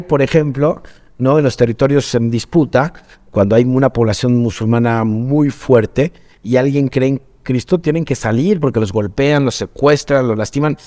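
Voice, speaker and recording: A man's voice: medium pitch, darkish tone, in a large hall. A man, an evangelical pastor, speaking in a conversational interview, explaining thoughtfully and repeating himself as he forms his points.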